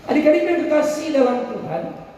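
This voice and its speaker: A man with a strikingly high voice preaches to a youth congregation. He tells stories and has the crowd answer back. He is heard from a distance in a big echoing hall with long reverb and faint room noise. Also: sing-song, fairly quick, a little mellow. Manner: storytelling, leads the crowd in call and response. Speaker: pastor. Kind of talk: sermon to youth. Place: large school hall, indoors.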